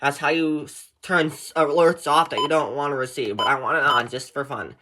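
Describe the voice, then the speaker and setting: A tutorial presenter with a slightly high, steady male voice talks briskly over a noisy background. He walks through an informal step-by-step how-to in a plain, repetitive explaining manner.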